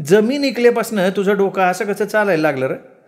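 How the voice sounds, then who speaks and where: A man's voice: high voice, brisk, pitched above the performer's own voice, natural voice. A man voicing a strong-willed older village mother who scolds in rustic speech. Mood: reproachful.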